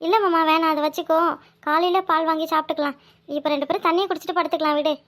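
A woman's voice: very high voice, fairly even intonation, very fast, a bit bright. A woman voicing a young pregnant wife in a cartoon, earnest and hopeful about their future. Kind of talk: cartoon voice acting.

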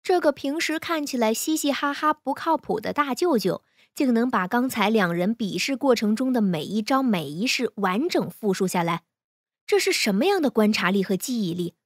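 A woman reading fan fiction aloud in a smooth, even storytelling manner. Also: on the high side, moderate pace, no echo, clean studio sound.

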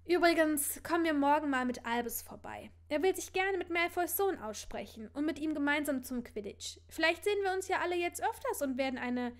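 Teasing young woman friend, read by a woman, high-pitched, gossipy. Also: lively intonation, brisk, few pauses. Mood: eager.

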